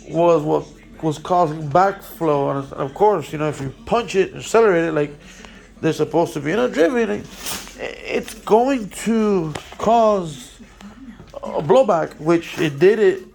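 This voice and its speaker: A motorcycle mechanic walks through a repair in a casual workshop setting, rambling with lots of fillers and restarts, blunt and occasionally swearing. His voice is fairly high-pitched and creaky.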